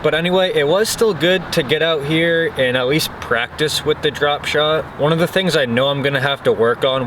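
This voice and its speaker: An easygoing young man talks to camera while he sits on a boat on a river on a cold evening. His chat is relaxed and self-deprecating. The outdoor recording carries clear wind and outside noise behind him. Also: mid-range voice. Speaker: fishing vlogger. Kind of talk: casual outdoor vlog. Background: wind and outdoor ambience.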